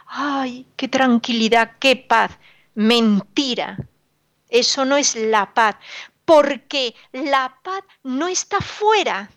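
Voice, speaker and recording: In a slightly high voice, a woman gives a sorrowful, admonishing sermon on the radio, leaning on repetition and rhetorical questions. The recording is dry.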